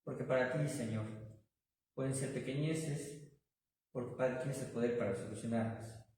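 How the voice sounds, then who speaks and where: Mexican pastor preaching in an echoey hall. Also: male voice, mid-range voice, normal speed, darkish tone. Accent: Mexican Spanish. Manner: addresses the congregation as brothers, with frequent rhetorical questions. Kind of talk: sermon and prayer. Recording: echoey hall, from far off the mic.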